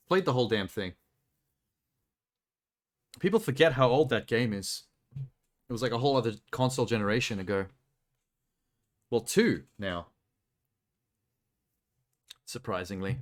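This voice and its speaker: A man giving casual, offhand live reaction commentary as a streamer, speaking bluntly and swearing freely. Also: mid-range voice. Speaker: livestreamer reacting to a game show broadcast.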